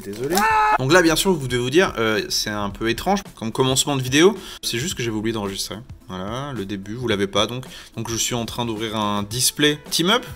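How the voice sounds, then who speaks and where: A man casually commenting while he opens trading card packs, joking at his own expense with rambling asides. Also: mid-range voice. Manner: jokey, chatty, wandering asides. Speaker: YouTuber opening Pokémon card packs. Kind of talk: casual self-mocking commentary to camera.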